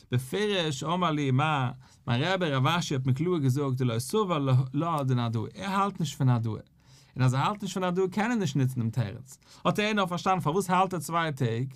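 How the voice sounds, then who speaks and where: A man with a Yiddish accent teaches a daily Talmud class. His voice sits a little high, and it jumps up when he plays out the back-and-forth of the sages. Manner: animated, acts out questions and answers between sages.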